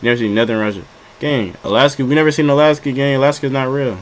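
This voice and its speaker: A man's voice: medium pitch, steady tone, fast talker. Slangy, rambling man reacting to a video. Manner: rambling, joking, slangy, repeats himself. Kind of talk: casual reaction commentary.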